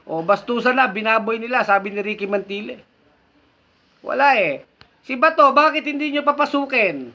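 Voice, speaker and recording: A man's voice: very high-pitched, lively intonation, normal speed, bright, forceful tone. A man from the Philippines hosting a livestream commentary, reading viewer comments and ranting with scornful, insulting indignation while throwing rhetorical questions at his audience. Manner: fiery, scornful and insulting, often rising to indignant emphasis; keeps addressing his audience directly with repeated rhetorical questions. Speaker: online political commentator and show host.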